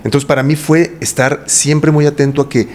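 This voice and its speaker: Speaking at a normal speed in a slightly high, level, darkish voice, a voice coach with a Mexican Spanish accent talks at length as a guest in a casual interview. He frequently poses rhetorical questions.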